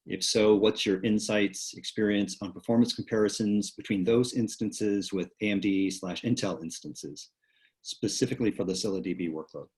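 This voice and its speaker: A man with a fairly low voice moderates a live online question session. He reads audience questions aloud and talks in a relaxed way with some fillers. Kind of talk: hosting a live Q&A. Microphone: video call.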